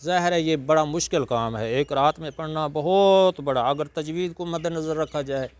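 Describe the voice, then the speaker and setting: Smooth-voiced preacher, measured. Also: male voice, fairly high pitch. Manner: slow, measured teaching with drawn-out Arabic recitation. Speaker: Quran reciter and preacher. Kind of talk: religious lecture.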